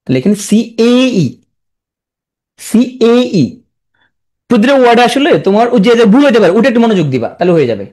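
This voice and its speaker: A teacher giving a live class spelling lesson, slowly stretching out each word and syllable and checking in with students. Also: medium pitch, very animated, darkish tone. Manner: coaching, asks quick check-in questions.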